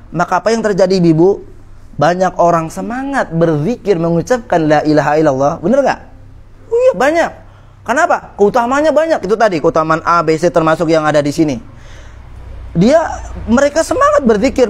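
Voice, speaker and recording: A man preaching an Islamic study lecture to women, in a conversational way, often putting questions to his listeners. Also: a little high. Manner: conversational, asks the audience questions.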